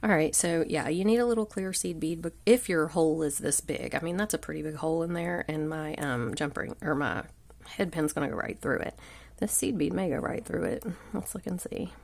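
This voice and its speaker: This gravelly-voiced woman is stuffed up with a cold while leading a laid-back live craft session at an indoor table, her hands filmed from overhead. Her voice sits low with a darkish tone, and she talks fairly quickly. She's chatty and meandering, often lapsing into a murmur.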